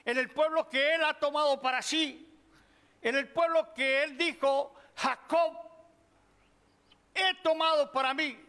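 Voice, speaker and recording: Middle-aged preacher guy, unhurried bible teaching, church hall echo. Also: very high-pitched, steady tone, pushed and bright. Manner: slow, measured Bible teaching, addressing listeners as brothers. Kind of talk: sermon. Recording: long hall reverb.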